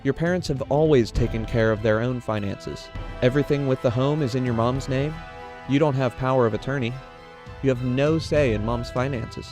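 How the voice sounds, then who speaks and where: A man reading scripted documentary narration in a measured, dramatic voice-over style. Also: medium pitch. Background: music.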